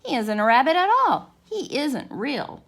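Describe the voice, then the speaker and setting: A woman's voice: high voice, big pitch swings, unhurried, a bit bright, voice pushed up, heavily acted. A woman voicing a brash young wild rabbit in a storybook, blunt and childlike, with a taunting manner. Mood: scornful.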